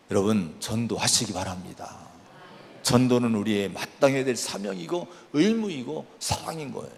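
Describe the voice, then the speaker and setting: A man's voice: on the high side, fairly bright tone, long reverb tail. A man preaching a sermon in a church, telling a story with feeling and exhorting the congregation. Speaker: pastor. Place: church sanctuary.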